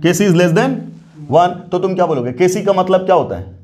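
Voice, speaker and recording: A man's voice: sits high, animated, normal speed, darkish tone. A male chemistry teacher lecturing a class, often repeating questions and checking that students follow, calling them "beta". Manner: addresses students casually as beta.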